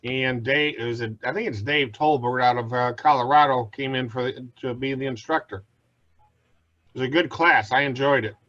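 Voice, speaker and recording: A man chatting casually with fellow rider coaches over a video call, easygoing and quick to laugh. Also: medium pitch, a bit bright. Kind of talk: casual chat. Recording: dull lo-fi video call audio.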